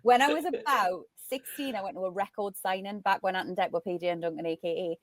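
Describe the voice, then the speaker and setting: A middle-aged woman with a Geordie accent, a podcast guest chatting casually and telling stories in an animated way over a video call. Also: medium pitch, fast, dry recording. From North East England. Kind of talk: casual chat.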